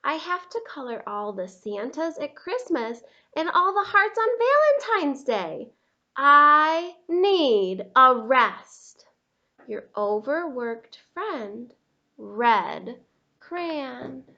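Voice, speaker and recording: A woman's voice: high-pitched, very animated, very slow, pushed and bright, muffled recording, full character voice. A woman voicing an overworked, fed-up male red crayon with emphatic complaints in a storybook read-aloud. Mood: fed up, complaining.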